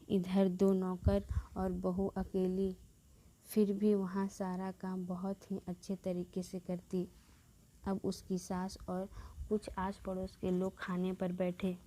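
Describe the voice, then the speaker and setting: A woman narrating a family story in a calm, unhurried storytelling manner, reading out the dialogue too. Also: mid-range voice, no room sound.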